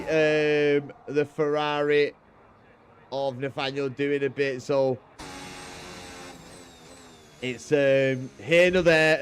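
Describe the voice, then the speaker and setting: Laddish and emphatic, a British streamer excitedly calls the action in racing games while chatting casually between races. He has a fairly high-pitched voice, and music plays in the background along with slight noise.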